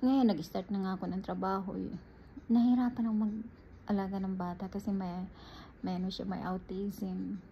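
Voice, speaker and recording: A woman's voice: mid-range voice, moderate pace. A woman from the Philippines casually telling viewers about her life, talking to them as guys. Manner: animated, addresses viewers as guys. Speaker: vlogger. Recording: dull lo-fi audio with faint ambient noise.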